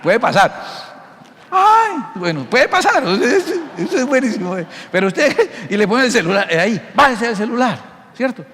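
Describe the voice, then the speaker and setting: A middle-aged male pastor preaching a sermon, teaching in an animated, jokey way and often checking that listeners follow. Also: sits high, fairly quick, hardly any pauses. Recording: long hall reverb.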